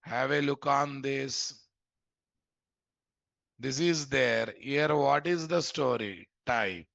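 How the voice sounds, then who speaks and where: A man's voice: medium pitch, slow, gravelly, fairly bright tone, no room sound, highs cut off. A man with a Telugu Indian English accent teaching an informal live coding class, repeating his instructions and quizzing students with questions. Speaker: programming instructor.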